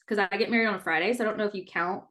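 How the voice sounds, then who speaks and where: A woman's voice: mid-range voice, rapid-fire, a bit bright. A woman in her thirties hosting her own podcast, talking earnestly and openly in a casual, personal monologue with everyday fillers and the odd mild swear. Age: 30s. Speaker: podcast host.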